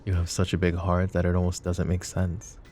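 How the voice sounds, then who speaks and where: Soft music plays in the background as a man, lightly acted, voices a possessive mafia boss who flirts with the listener. His low, mellow voice is monotone and a little fast, smooth and courteous in a silky, flirtatious mood with teasing menace underneath, all in a roleplay audio drama.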